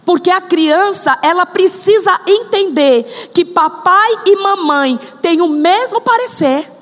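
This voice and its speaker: Woman, preacher, sermon, high voice, unhurried, talks to the congregation, acts out examples, long hall reverb. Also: lively intonation, a bit bright.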